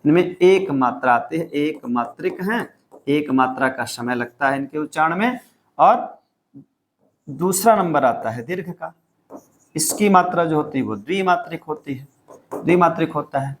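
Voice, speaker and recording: A man's voice: a little high, expressive, moderate pace, slight background noise. A male teacher giving an exam-prep lecture, explaining step by step and repeating key points.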